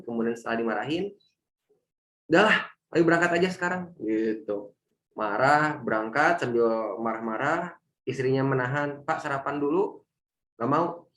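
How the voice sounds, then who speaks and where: A man giving a casual storytelling talk at a religious study session, slipping in English phrases. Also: medium pitch. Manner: casual, mixes in English and Sundanese phrases, acts out quotes. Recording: roomy echo.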